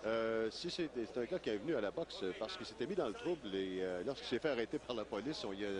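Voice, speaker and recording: A man's voice: lowish voice, expressive, quick pace. A man with a Quebec French accent hosting live boxing commentary in a conversational style. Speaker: boxing play-by-play host. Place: ringside at a casino boxing event. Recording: loud crowd behind commentary.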